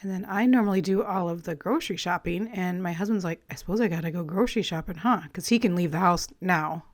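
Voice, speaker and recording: Still clearing her throat after being ill, a woman with a lowish, slightly raspy voice narrates a collaging project as a crafting vlogger. She talks fast, rambling in a relaxed, friendly, chatty way and laughing lightly now and then.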